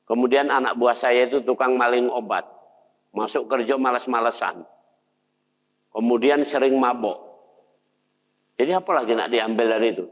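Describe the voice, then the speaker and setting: An older male preacher, giving a conversational sermon and putting questions to his listeners. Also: mid-range voice. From Indonesia. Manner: conversational, asks the audience questions. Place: mosque hall. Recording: dull sound in a long-reverb hall.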